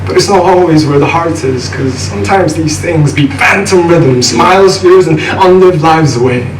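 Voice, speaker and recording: A man's voice: fairly high pitch, normal speed. Young man performing spoken word poetry. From Nepal. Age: young adult. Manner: rhythmic, intense, wry. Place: live venue with an audience. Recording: echoey room from a distance, noisy.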